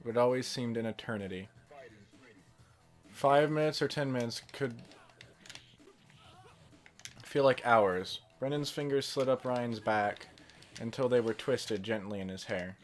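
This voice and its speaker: Man reading aloud in a deadpan voice. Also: mid-range voice, measured pace, pauses often, faint music behind. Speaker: fan fiction reader. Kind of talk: casual read-aloud while gaming.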